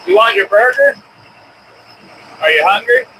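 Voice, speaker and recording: Man, slightly high voice, casual working chat, fisherman streaming from a boat, outdoors, loud engine noise behind. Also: expressive, unhurried. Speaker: shrimp boat fisherman hosting a live stream. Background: loud motor and vehicle-like noise.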